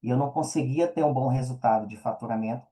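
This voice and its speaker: With a Brazilian accent and a dark, medium-pitched voice, a podcast guest chats at a quick pace. The casual interview talk stays informal, peppered with check-in tags to confirm the listener follows.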